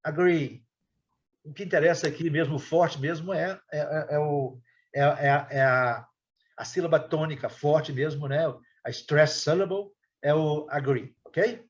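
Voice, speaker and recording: A man teaching an English class online, explaining slowly with many hesitations and repeated words. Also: fairly high pitch, muffled recording.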